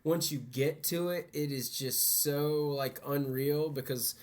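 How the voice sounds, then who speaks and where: A podcast co-host in his thirties talks in an easygoing, halting way and often restarts his sentences. His voice sits a bit high for a man. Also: fairly even intonation. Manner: hesitant, repeats words, easygoing. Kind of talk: casual chat.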